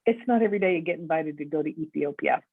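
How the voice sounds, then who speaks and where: A woman's voice: sits low, quick pace, creaky, breathy edge, dry recording. A middle-aged woman, a podcast guest, telling her story and acting out the dialogue as she goes. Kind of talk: storytelling interview. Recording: tinny dry phone-line audio.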